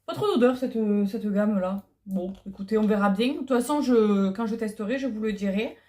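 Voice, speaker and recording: At a moderate pace, a middle-aged woman speaks in a mid-range, slightly mellow voice during a casual unboxing vlog. She's on a clip-on lapel mic and hesitates frequently with fillers.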